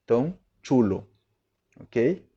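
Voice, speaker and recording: Guy teaching on a live stream, slow and mellow, keeps asking if everyone's following. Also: mid-range voice, sing-song, slightly rough, muffled recording. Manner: chatty, checks in with viewers often. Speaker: Spanish teacher. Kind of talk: live online lesson.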